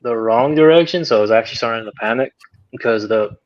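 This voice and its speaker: A man appears as a guest on a stream, chatting casually in a mid-range voice at a quick pace. He sounds relaxed but hesitant, uses lots of fillers, and comes through as muffled lo-fi call audio.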